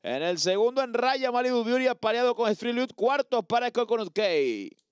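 A man calling a horse race live as commentator, in an excited motorsport-style manner with drawn-out calls. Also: very high-pitched, smooth, no echo, clean studio sound.

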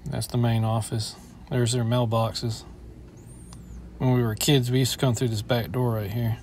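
Over slight background noise, a middle-aged man delivers flat, moderately paced commentary in a mid-range, darkish voice. He's walking through an indoor mall filming a tour vlog on a handheld phone, complaining bluntly.

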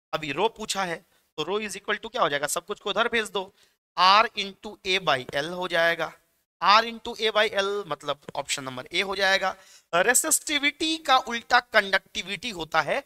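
A man's voice: sits high, pushed and bright, clear, resonant tone. A young man with a Bihari Hindi accent teaching physics exam questions in a chatty, joking classroom manner, mixing in English terms. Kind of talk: exam-prep lecture.

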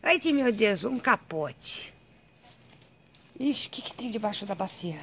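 A woman with a Brazilian Portuguese accent, chatting casually to her viewers while filming her cats at home, slipping into doting baby talk and excited squeals. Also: mid-range voice, unhurried, breathy edge. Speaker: pet vlogger. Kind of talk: casual chat filming pets. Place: home garden and garage.

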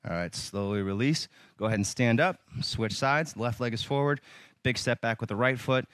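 A man leading a yoga workout, giving calm, encouraging cues with light humor and sometimes slightly out of breath. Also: mid-range voice, moderate pace, no room sound. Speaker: yoga instructor. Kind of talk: guided yoga class instruction.

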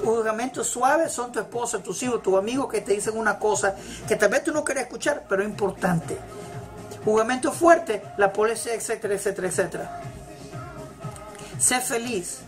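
A woman giving a motivational religious talk, emphatic and repeating her key phrases. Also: fairly high pitch. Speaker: religious teacher. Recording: faint music in background. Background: faint celebration music.

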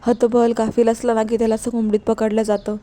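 An angry, stressed young husband snaps out short, reproachful questions, read by a woman in her own voice. The voice is fairly high and soft in tone. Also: monotone, brisk, close to an everyday voice.

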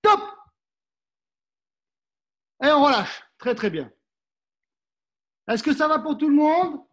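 A man's voice: extremely high pitch, lively intonation, unhurried. A middle-aged man coaching a live fencing workout class, instructive and coaxing, often adding "hein" as he demonstrates and sometimes moves away from the mic.

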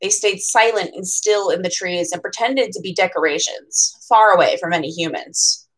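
The audio is poor, but you can hear a woman in her twenties with an American accent reading a children's picture book expressively, chatting casually between lines. She's a bookseller at a storytime event in a small room at home, speaking at a moderate pace in a lowish voice.

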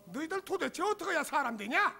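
A stern male teacher in a TV drama scolds students with full authority. His voice is high for a man and sharp, with a faint hiss behind. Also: big pitch swings, fast talker, creaky, full character voice. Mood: scolding. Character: stern senior male teacher, quick-tempered. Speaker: school teacher in charge.

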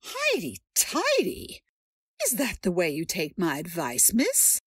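A woman's voice: fairly low pitch, wildly swooping pitch, takes it slowly, fairly bright tone, breathy edge, dry recording, studio quality, heavily acted. A woman playing a stern, imperious elderly rich aunt who scolds her niece, in an audio drama. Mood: scolding. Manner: haughty, scolding. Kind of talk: radio drama acting.

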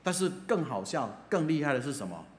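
A man's voice: on the high side, sing-song, a little fast, a little hiss or hum. A man preaching in a chatty storytelling sermon with a Taiwanese Mandarin accent, dropping many filler particles. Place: church hall. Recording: echoey church hall, faint ambience.

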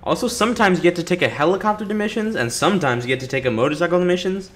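Talking very fast in a high-pitched voice, this man gives playful, slangy commentary on his playthrough and chats with the characters on screen. He's a gaming YouTuber, and light game music runs underneath.

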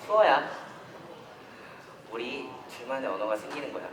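A teenage boy in a school play, acting a soft-spoken, caring boy who teaches sign language with patience. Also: mid-range voice, expressive, moderate pace, lightly acted. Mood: tender. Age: teens. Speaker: student actor in a school play. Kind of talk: amateur stage acting. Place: school stage. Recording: echoey hall, mic far from stage, loud noise.

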